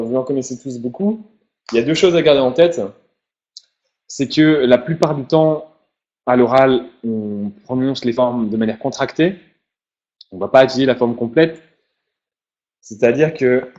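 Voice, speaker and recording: Male teacher, casual lesson, mid-pitch, slightly muffled lo-fi audio. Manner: relaxed, repeats English example phrases slowly. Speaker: English teacher. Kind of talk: informal language lesson.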